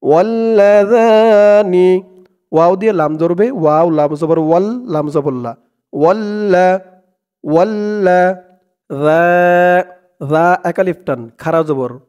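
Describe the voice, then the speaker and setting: High-voiced man teaching Quran recitation. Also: a little mellow. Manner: breaks words into syllables, drawn-out chanted recitation. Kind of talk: step-by-step recitation lesson.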